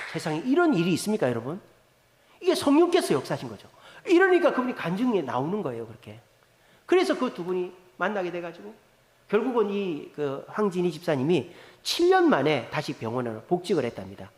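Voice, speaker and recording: A man preaching a sermon, telling a story with lively, rising and falling emphasis. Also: sits high. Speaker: pastor. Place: large church sanctuary. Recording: echoey church hall reverb.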